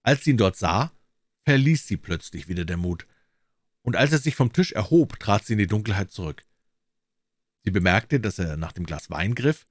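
A man narrating a classic crime story as an audiobook reader, in a steady, expressive reading. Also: lowish voice, normal speed, dry recording, clean studio sound.

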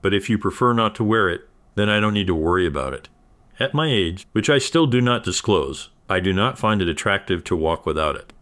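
Male reader as a teasing older woman in a narrated story, deep and low. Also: expressive, fairly quick, a bit bright, no echo.

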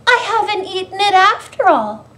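A woman's voice: very high voice, takes it slowly, pitched above the performer's own voice. A woman voicing a small, childlike female storybook mouse, greedy and easily worried, speaking in an earnest, exclamatory way. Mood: overjoyed.

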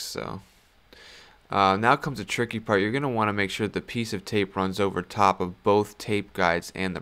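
As host of a how-to voice-over, a man talks in a casual, low-key, unscripted way with a little hesitation. His tone is clean and fairly bright.

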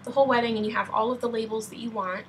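A young woman, a wedding photographer, talking through a software tutorial over a screen recording in a casual, rambling way with many ums and restarts. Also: on the high side, fairly even intonation, rapid-fire, slight background noise, rough recording. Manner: chatty, many ums and restarts, self-correcting. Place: at her computer, screen recording.

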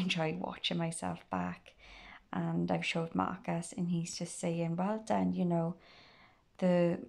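A woman's voice: lowish voice, gravelly, darkish tone. A woman, chatting casually in a day-in-the-life vlog, rambling and correcting herself. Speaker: vlogger. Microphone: phone at arm's length.

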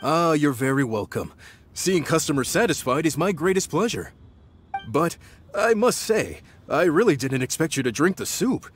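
Game chef: animated, slightly high male voice, hospitable, proud, hearty. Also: moderate pace, a little hiss or hum. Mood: pleased, surprised. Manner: hearty, welcoming, explanatory. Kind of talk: anime-style video game dialogue.

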